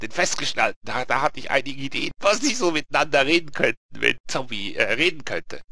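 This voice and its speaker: A man casually chatting to his viewers, rambling and animated, with many restarts and tag questions. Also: medium pitch, dry recording. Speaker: let's play gamer.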